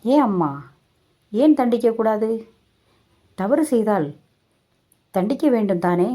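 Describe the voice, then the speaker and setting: A woman's voice: fairly high pitch, expressive, measured pace, warm tone, voice pushed up. A woman voicing a wronged mother who bitterly questions and grieves over her hard life. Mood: anguished. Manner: pleading, anguished questioning.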